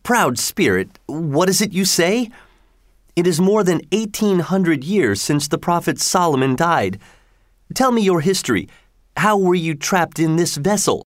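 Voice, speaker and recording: A man's voice: on the high side, animated, a little slow, no echo, clean studio sound, pitched above the performer's own voice. A man voicing a poor fisherman and father who pleads anxiously in a raised voice. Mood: indignant.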